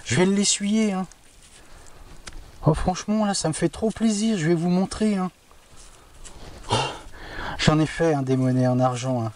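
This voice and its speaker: A man with a high voice gives live commentary to camera while metal detecting beside woods near a castle. He's chatty and excitable, exclaiming with delight, talking to viewers and forever adding "hein." A distant outdoor mic picks him up with faint noise.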